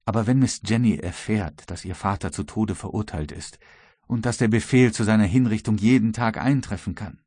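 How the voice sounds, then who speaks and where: A male audiobook reader voicing a worried but resolute ship captain, with a husky voice. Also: fairly low pitch, normal speed, darkish tone, no echo, studio quality. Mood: earnest. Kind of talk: audiobook reading.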